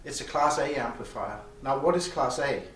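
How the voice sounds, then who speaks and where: Recorded from a distance in an echoey indoor demo room with faint noise, a male loudspeaker designer presents gear at an audio show. He explains the product technically in conversation, haltingly, in a medium-pitched voice with a fairly bright tone.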